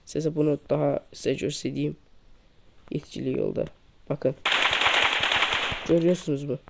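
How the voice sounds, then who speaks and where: Unhurried and fairly even in tone, with vocal fry and a little hiss or hum, a man gives a casual mobile shooter tips tutorial over screen recording. He repeats and shows each tip to viewers he calls friends, his poor mic picking up loud gunfire and clicks.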